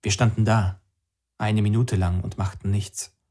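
Low-voiced man narrating a novel. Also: level tone, measured pace, dark tone. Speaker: audiobook narrator. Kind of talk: scripted narration.

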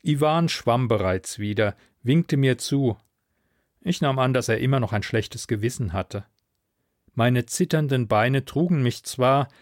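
Slow, measured male audiobook narrator. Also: medium pitch, a little mellow, no room sound, studio quality. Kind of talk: first-person audiobook narration.

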